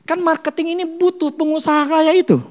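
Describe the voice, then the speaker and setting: A man's voice: very high voice, fairly quick. A male pastor preaching, telling stories and acting out short quotes. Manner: animated storytelling with acted quotes; casual Jakarta slang (gue, lu). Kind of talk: sermon.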